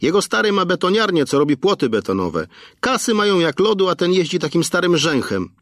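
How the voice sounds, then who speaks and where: A man's voice: sits high, big pitch swings, brisk, no room sound, clean studio sound, voice pushed up. A man doing a cheeky lanky young gas station lad. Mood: gossipy. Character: lanky 20-year-old male gas station attendant, cheeky.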